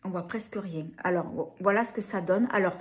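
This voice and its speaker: A woman's voice: on the low side, fairly quick. A woman with a French accent casually reviewing lip glosses, hesitating often with fillers and restarts. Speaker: beauty vlogger.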